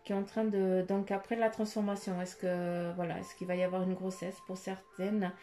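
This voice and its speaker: A woman's voice: mid-range voice, flat delivery, moderate pace, mellow. A woman giving a casual oracle card reading. She meanders, tags her phrases with little fillers and speaks straight to the viewer. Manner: meandering, with frequent "hein" and "euh" tags; addresses the viewer intimately and directly. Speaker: card reader giving daily guidance.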